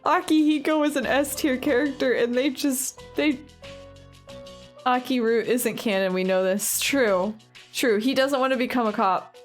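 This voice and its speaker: A young woman streaming a video game, reacting excitably, laughing often and swearing playfully. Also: fairly high pitch, a little slow, faint music behind. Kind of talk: casual game-stream commentary.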